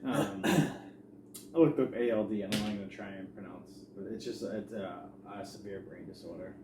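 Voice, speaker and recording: A man's voice: fairly low pitch, normal speed, recorded from a distance. A man co-hosting a podcast, skeptical and laid-back, chatting casually about a horror movie. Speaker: podcast co-host. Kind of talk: casual movie review chat. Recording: echoey room with noise.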